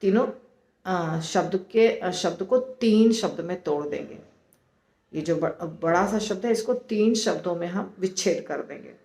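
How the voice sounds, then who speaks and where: A woman teaching the pronunciation of scripture, slow and deliberate, sounding out syllables one at a time. Her voice sits at an ordinary middle pitch and carries a noticeable echo from the room around her. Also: a little mellow.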